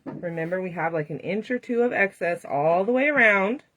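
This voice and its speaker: A woman's voice: mid-range voice, animated, moderate pace, fairly bright tone. A woman hosting a live craft demonstration, chatting to viewers and laughing often as she works. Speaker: craft tutorial host.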